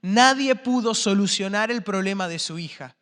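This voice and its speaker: Male pastor, high voice, impassioned sermon, long church reverb. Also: moderate pace. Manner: impassioned, rising to shouts then dropping to quiet. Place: church sanctuary.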